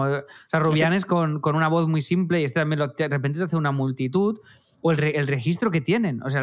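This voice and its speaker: Enthusiastic man in his thirties. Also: on the high side. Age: 30s. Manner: enthusiastic, animated storytelling. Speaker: comedian and podcast co-host. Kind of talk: casual podcast chat.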